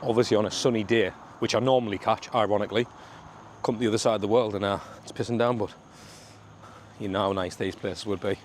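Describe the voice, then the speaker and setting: A travel vlogger from Sunderland in north-east England walks a suburban street in the rain, chatting to camera in a matey way packed with regional slang. His voice is lowish and steady, and he talks fast, with street and traffic noise all around.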